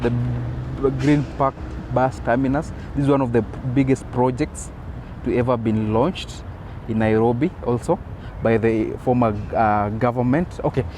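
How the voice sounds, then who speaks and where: Slow-paced man vlogging outdoors. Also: mid-range voice, steady tone. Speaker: vlog host. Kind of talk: casual outdoor walking tour commentary. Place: outdoors at a city bus terminal. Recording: outdoor city traffic noise. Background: faint traffic and street ambience.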